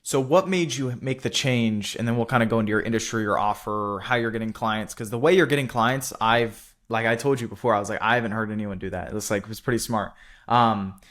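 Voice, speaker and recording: A man hosting a casual interview, chatty and loose in his phrasing, with quick affirmations. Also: on the low side, fairly bright tone. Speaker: interviewer host.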